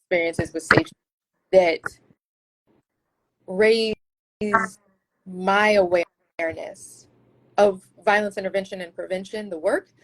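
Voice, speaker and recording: A woman speaking as a guest researcher in a casual interview, earnest and thoughtful, often pausing and restarting her sentences. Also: medium pitch, steady tone, poor audio.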